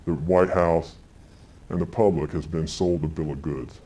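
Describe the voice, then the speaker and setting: A man speaking as an anonymous source in a news report, his voice electronically disguised and pitched down, blunt and critical with halting restarts and fillers. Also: steady tone, dark tone, husky. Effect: electronically disguised, pitched-down deep voice. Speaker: anonymous federal agent source. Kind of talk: interview clips in a news report.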